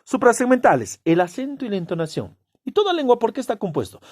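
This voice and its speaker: A man teaching a classroom lecture, asking rhetorical questions and answering them himself with emphatic, drawn-out stresses on key words. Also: very high-pitched, big pitch swings, a little mellow, no echo, studio quality. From Peru.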